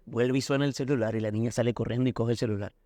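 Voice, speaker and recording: Colombian male pastor, mellow tone, earnest teaching, dry studio sound. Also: medium pitch, steady tone, racing, no echo. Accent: Colombian Spanish. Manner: earnest teaching, acts out anecdotes. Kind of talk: Bible lesson discussion.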